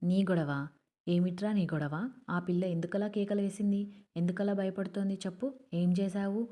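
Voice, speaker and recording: A hot-tempered young male student barking demands in a spoken storybook, read by a woman. The voice stays low and mellow even as it scolds. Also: a little fast, close to an everyday voice. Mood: angry. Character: angry young male engineering student confronting a bully.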